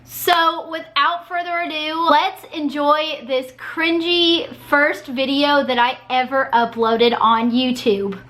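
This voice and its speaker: A young woman with a high, bright voice, hoarse and a bit nasal from a cold, reacts as a YouTuber to one of her old videos, chatting casually and mocking herself. Her tone is clear and forward, with fairly even intonation, a slow pace and few pauses.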